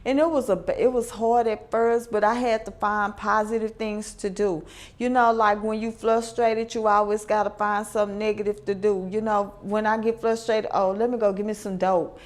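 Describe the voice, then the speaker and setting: A woman's voice: medium pitch, little pitch movement, moderate pace. A woman giving a heartfelt personal testimony as a radio guest, telling her story plainly with fillers.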